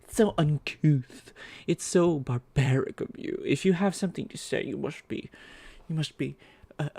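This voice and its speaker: A man putting on a prissy high-voiced scold. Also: moderate pace, gravelly, mellow, husky. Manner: affected, precious, scolding. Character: prissy, fussy grammar scold, snooty adult man.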